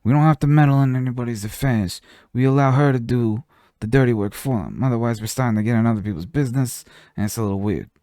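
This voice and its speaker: A man's voice: medium pitch, fast, hardly any pauses, mellow, dry recording, clean studio sound, voice pushed up, close to an everyday voice. A man voicing a scheming Italian-American mobster boss in a tabletop game, with a put-on Italian-American mobster accent and a drawling, self-assured, patronizing manner.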